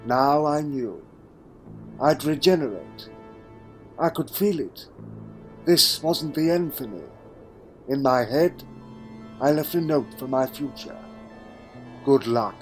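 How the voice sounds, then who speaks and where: A man's voice: mid-range voice, expressive, takes it slowly, long pauses. A man playing a weary time-travelling hero who narrates his own story in a solemn, theatrical way in an audio drama. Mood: solemn, resigned. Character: the Fourth Doctor, weary male time-travelling hero recalling his fall. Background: music.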